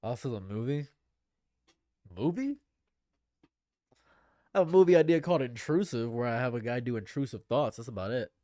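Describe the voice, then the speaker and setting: A man's voice: medium pitch, animated, moderate pace, pauses often, warm tone, dry recording, studio quality. A man in his late twenties chatting casually on a livestream, rambling and repeating his phrases. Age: late 20s. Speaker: streamer.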